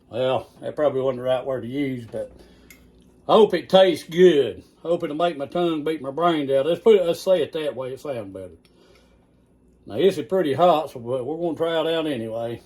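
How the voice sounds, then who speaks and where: A man's voice: on the high side, a little mellow. A man hosting a casual cooking video in a home kitchen, folksy and chatty, talking straight to his viewers. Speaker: cooking channel host.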